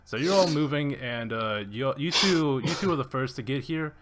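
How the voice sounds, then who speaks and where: A man's voice: medium pitch, moderate pace, noisy background. A young man narrating a tabletop game as game master, rambling with many fillers and restarts.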